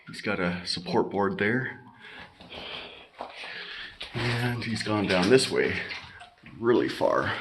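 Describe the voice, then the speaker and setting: Low-voiced man exploring, noisy recording. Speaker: amateur explorer filming a mine visit. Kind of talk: casual handheld exploration narration. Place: inside an abandoned mine tunnel with running water. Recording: clearly noisy handheld recording.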